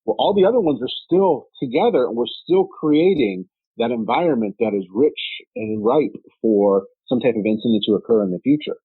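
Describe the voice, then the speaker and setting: A man's voice: medium pitch, very animated, fairly quick, vocal fry, slightly rough, no room sound. A man co-hosting a workplace safety podcast, explaining his points in a methodical, casual way. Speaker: podcast co-host. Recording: tinny phone-like line.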